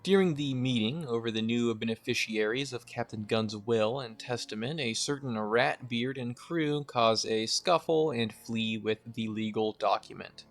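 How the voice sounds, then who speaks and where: A man's voice: mid-range voice, moderate pace, few pauses. A young man giving a scripted but conversational narration as a video game essayist. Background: music.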